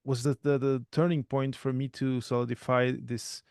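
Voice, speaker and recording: A man, talking as a guest in a relaxed, thoughtful way with frequent restarts. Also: medium pitch, moderate pace, clean tone, no room sound, clean studio sound. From Portugal. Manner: thoughtful, self-correcting, many restarts. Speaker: podcast guest. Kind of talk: casual interview talk.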